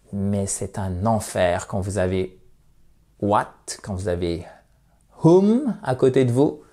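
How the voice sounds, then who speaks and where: Slow, patient male English teacher. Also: on the low side, a little mellow. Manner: patient, repeats words slowly, stresses English pronunciation. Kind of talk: vocabulary lesson in French with English examples.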